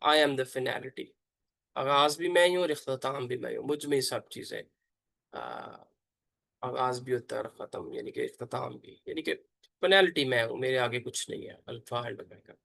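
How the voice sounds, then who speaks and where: A man, a pastor, teaching an online Bible class, slowly pronouncing and repeating letter names for his students. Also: medium pitch, gravelly, fairly bright tone, no room sound.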